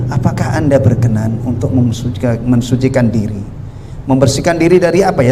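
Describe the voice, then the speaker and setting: A man's voice: on the high side, darkish tone, slight background noise. A man from Central Java, Indonesia, teaching a mosque study session in a conversational way, often asking the audience questions. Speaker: Islamic teacher.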